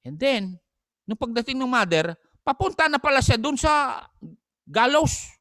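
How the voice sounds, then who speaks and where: A male pastor from the Philippines, preaching a conversational, animated sermon with frequent asides to the congregation. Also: very high-pitched, measured pace, dry recording, studio quality.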